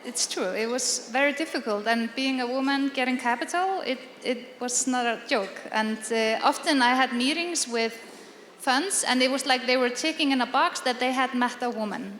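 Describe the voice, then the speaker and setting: A woman's voice: on the high side, a bit bright. A woman panelist answering candidly on stage, with frequent hesitations. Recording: echoey hall with faint noise.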